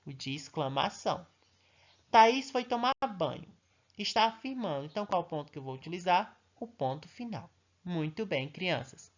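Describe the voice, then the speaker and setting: A man teaching a grammar lesson to young children, reading example sentences slowly and with emphasis and checking in often with the class. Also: fairly high pitch, expressive, lo-fi sound. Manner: patient, reads examples slowly and emphatically, frequent check-in questions. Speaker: primary school teacher.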